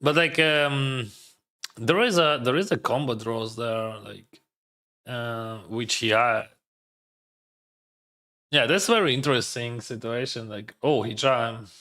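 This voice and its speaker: This Russian-native poker streamer has a mid-range voice with a sharp tone. As he plays online, he talks through his thoughts in hesitant English, packed with filler words and constant second-guessing.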